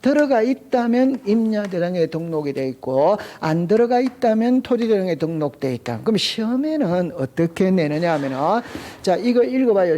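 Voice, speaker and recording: Guy lecturing a class, high mellow voice, keeps quizzing students and repeating terms. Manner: drills students with call-and-response, prompting "시작". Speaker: real estate exam lecturer.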